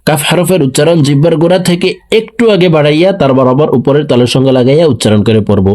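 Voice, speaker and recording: A man with a Bangladeshi Bengali accent teaching Quran letter pronunciation, reciting each syllable slowly and deliberately, then explaining quickly. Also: fairly high pitch, a little mellow. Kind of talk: slow drilled letter-by-letter teaching.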